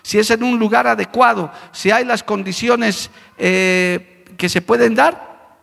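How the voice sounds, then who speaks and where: A man's voice: high voice, steady tone, slow pace, creaky, a bit bright, big-room sound. A man preaching as pastor, earnestly addressing the congregation as brothers. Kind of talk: sermon.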